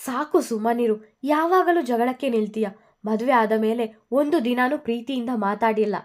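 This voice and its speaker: A woman's voice: on the high side, normal speed, lightly acted. A woman voicing a hot-tempered young husband who turns sulky and tipsy, her voice raised above her narration. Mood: angry.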